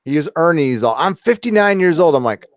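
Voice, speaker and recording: This podcast host, a man in his forties, talks fast in a fairly high, expressive voice. The conversation is casual, punctuated by frequent laughter and loose profanity.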